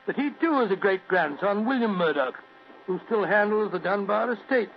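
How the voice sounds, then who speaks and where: An actor playing a genial older British gentleman doctor who tells stories in an old radio drama. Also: high voice, expressive, normal speed. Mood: earnest. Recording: muffled old radio recording with hum and hiss.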